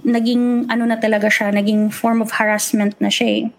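A woman's voice: fairly high pitch, a little fast, poor audio. A young adult woman telling a personal ghost story in casual chat, acting out the voices she quotes. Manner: animated, acts out quoted voices.

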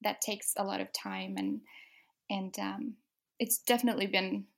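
A young woman from Denmark, an author interviewed as a guest, speaking softly with many ums and restarts. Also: mid-range voice, fairly even intonation, normal speed, gravelly. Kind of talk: casual interview.

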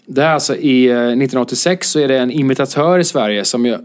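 A man's voice: medium pitch, clear, resonant tone. A man from Sweden co-hosting a podcast in casual chat, telling anecdotes and acting out the voices of the people in them, often laughing. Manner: animated storyteller who acts out quoted voices and laughs often. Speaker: podcast co-host.

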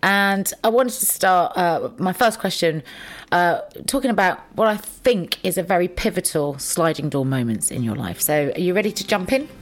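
A woman's voice: lowish voice, expressive, normal speed. A woman hosting a podcast and interviewing a guest with poised, structured questions. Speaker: podcast host.

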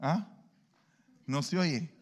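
A man preaching a sermon in an animated way, acting out everyday dialogues. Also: on the high side, extremely slow. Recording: long hall reverb.

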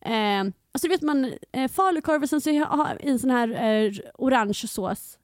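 A young woman from Halmstad with a Halland Swedish accent, co-hosting a casual chat podcast, animated and often laughing. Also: high-pitched, no echo, clean studio sound. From Halmstad, Sweden. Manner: animated, laughing, mimics pronunciations. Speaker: podcast co-host.

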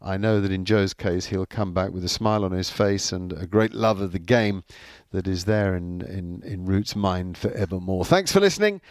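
A man's voice: low-pitched, normal speed, hardly any pauses, no echo, studio quality. A man hosting a cricket radio broadcast, speaking in a presenter's sign-off style. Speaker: radio sports show host.

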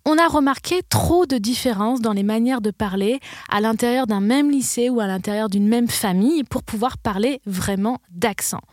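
A woman's voice: on the high side, moderate pace, darkish tone, dry recording. Woman host narrating, dry sound. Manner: questioning, explanatory. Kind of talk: scripted narration.

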